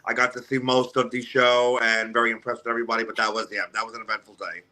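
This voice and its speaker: A man's voice: medium pitch, level tone, fast talker, bright, forceful tone. A man who works as a wrestling manager, guest on a radio show, talking casually with many restarts and "you know" fillers. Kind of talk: casual interview talk. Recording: remote call audio.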